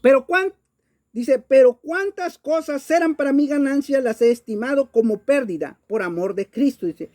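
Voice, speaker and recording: A woman's voice: high-pitched, normal speed, mellow. A Mexican woman preaching a Bible-study sermon in an emphatic way, often repeating words as she searches for the next phrase.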